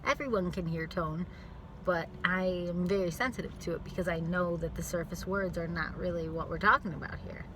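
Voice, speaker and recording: A woman's voice: fairly low pitch, fairly quick, background noise. A woman songwriter talking to her camera in a car, rambling and playful, often stopping to rethink what she means. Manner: chatty, self-interrupting, playful. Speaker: songwriter vlogger. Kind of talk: rambling reflective monologue. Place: in a parked car.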